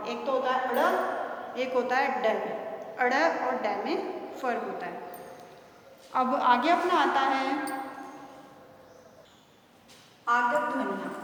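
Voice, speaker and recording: Casting: high-voiced woman teacher, far from the mic, echoey room, asks and answers her own questions. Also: fairly bright tone. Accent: Hindi, North Indian. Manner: asks questions and answers them herself, stretching key words slowly. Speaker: school teacher. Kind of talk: classroom grammar lesson. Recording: echoey distant room recording with faint noise.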